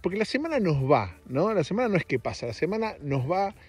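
A man's voice: sits high, very animated, fast, a little mellow, husky, soft background music. A man with a Rioplatense Spanish accent and a sleepy-sounding voice, hosting a casual solo podcast in a rambling, jokey, self-mocking way. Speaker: podcast host.

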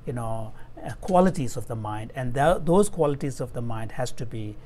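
Man interpreting in a measured, explanatory way. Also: medium pitch, expressive, warm tone, a little hiss or hum. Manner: measured, explanatory, frequent fillers and restarts. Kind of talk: interpreting a Buddhist teaching in a dialogue. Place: room at home. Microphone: earphone headset mic on a video call.

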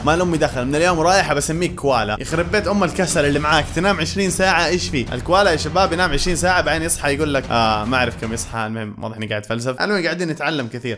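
A man's voice: a little high, fairly bright tone. A man in his twenties with a Gulf Arabic accent, chatting casually and playfully as a video host, dropping in English exclamations, on a close microphone. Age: 20s. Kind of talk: casual chat, reacting to web searches. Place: small indoor home studio room. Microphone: close studio microphone on boom arm. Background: faint background music.

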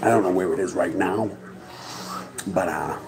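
A man's voice: low-pitched, normal speed, gravelly, poor audio. A man, rambling through a profane, tough-talking monologue to camera. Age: 40s. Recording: crowd noise in background.

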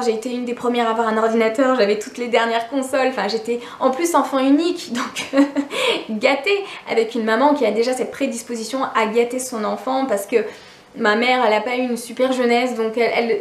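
High-pitched woman doing a casual storytime vlog, chatty, keeps restarting, talks straight to viewers, echoey room. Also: fast talker. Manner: candid and conversational, with frequent restarts and asides to viewers. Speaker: YouTuber telling a personal story.

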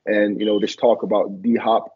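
Over a laptop camera in a small room, a young man delivers flat, moderately paced speech in a lowish voice with a breathy edge. Born in Liberia and brought up in Philadelphia, he played college football and now reflects, heavy on fillers, as a guest in a casual video call interview. The audio is dull and lo-fi.

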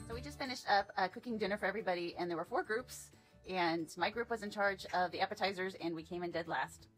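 A woman's voice: mid-range voice, fast, soft background music, poor audio. A woman narrating a casual travel vlog in a chatty, upbeat way, with fillers. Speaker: travel vlogger.

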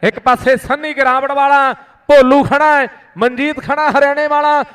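A man giving frantic, excited live village kabaddi commentary, calling out to the crowd. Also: very high voice, moderate pace. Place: outdoor village sports ground over loudspeakers. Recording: echoing outdoor PA with long reverb.

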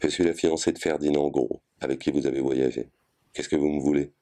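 A man's voice: a bass voice, steady tone, brisk, mellow. A man voicing an uneasy, polite young woman visiting as a fiancée.

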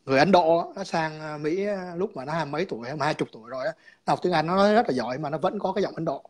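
A man's voice: fairly high pitch, very fast. A man calling in to a chat, explaining his views in a rambling way, repeating words and slipping in English terms.

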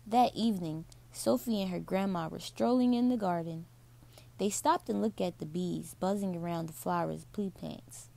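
A woman reading a bedtime story aloud to children, slowly and soothingly. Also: on the low side, gravelly, mellow.

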